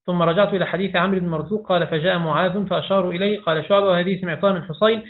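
A man reading hadith texts aloud, reciting chains of narrators quickly with small slips and restarts. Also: high-pitched, fairly even intonation. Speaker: hadith reader. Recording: tinny phone-like sound.

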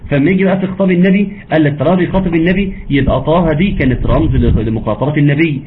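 A man with an Egyptian accent teaching Quran recitation rules in an online lesson, explaining patiently and chanting verses slowly. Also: on the high side. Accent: Egyptian Arabic. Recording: tinny phone-line audio with faint background noise.

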